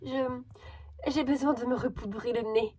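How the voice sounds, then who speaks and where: A woman's voice: a little high, slightly rough. Woman doing a jumpy, easily scared teen girl. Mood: nervous. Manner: excitable, quick to panic.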